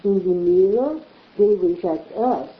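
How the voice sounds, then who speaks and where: A woman's voice: mid-range voice, expressive, unhurried. Woman, echoey. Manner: earnest, explains with repeated phrases. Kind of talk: casual conversation. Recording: echoey room, dull lo-fi sound.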